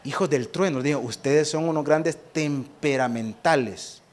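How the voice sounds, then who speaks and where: A man with a Salvadoran accent preaching a sermon as pastor, animated, asking the congregation rhetorical questions and acting out quick exchanges. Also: fairly high pitch. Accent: Salvadoran Spanish. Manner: acts out quick exchanges in different voices.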